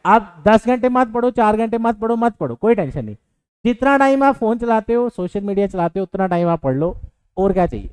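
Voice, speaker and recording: A man's voice: sits high, a little mellow, smooth, dry recording, low-quality recording. A man teaching exam aspirants, giving earnest advice in a motivational lecture with a few fillers. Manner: earnest, advising, with fillers and English words mixed in. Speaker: coaching teacher.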